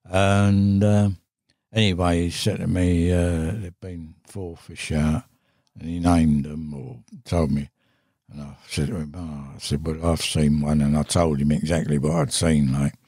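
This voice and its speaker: An older man with a very low, husky voice tells a long, rambling tale as a podcast guest. He talks casually and saltily, swearing freely and stopping on fillers. The studio sound is close and dry. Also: level tone, unhurried, mellow, no echo. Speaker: podcast guest, veteran angler. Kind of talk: casual anecdotal storytelling.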